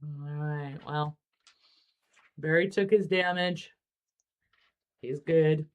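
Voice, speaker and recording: Slow, low-voiced woman chatting on a livestream. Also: dull audio. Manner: relaxed, chatty, frequent ums and laughs. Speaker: miniature painting livestream host. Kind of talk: casual livestream chat.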